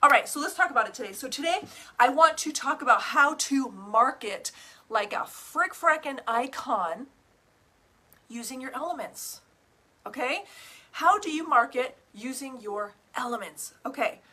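A woman's voice: sits high, animated, normal speed, pushed and bright, husky. A woman hosting a livestream as a coach, chatting to viewers in an effusive, theatrical, bubbly way. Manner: effusive, theatrical, bubbly greetings with whoops and pet names; casual swearing, checks in with "right?" and "okay?". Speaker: online group host and business coach.

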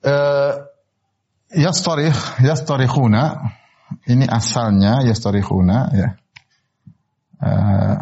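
A man's voice: mellow, slightly rough. Man preaching, explaining Arabic word forms. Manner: rises sharply in pitch when stressing a point. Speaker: Islamic preacher. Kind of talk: sermon explaining Quran verses. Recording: slightly dull, muffled recording.

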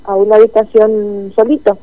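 A woman's voice: mid-range voice, level tone, moderate pace, no echo. A woman telling her experience in an interview, earnest and emotional. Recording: dull lo-fi line.

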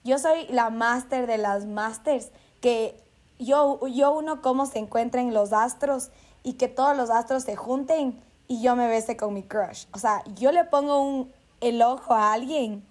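A young woman hosts a casual podcast chat. Her voice is a little high, and she jokes and acts out quotes playfully. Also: measured pace, a little mellow. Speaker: podcast host.

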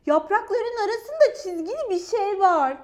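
A woman voicing a cheerful, caring little striped forest creature in a children's story, bright and reassuring. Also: very high voice, sing-song, normal speed, voice pushed up. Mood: eager. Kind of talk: storybook character voice.

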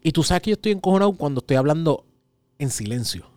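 A Puerto Rican man in his thirties, a podcast host, telling a story in casual chat and acting out his own shouts. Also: fairly high pitch, expressive, fast talker, no echo. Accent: Puerto Rican Spanish.

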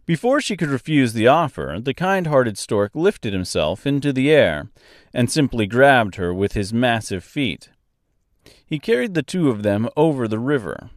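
A man narrating a crude fairy-tale parody in an unhurried, expressive storytelling manner with deadpan profanity. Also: medium pitch, dry recording, clean studio sound.

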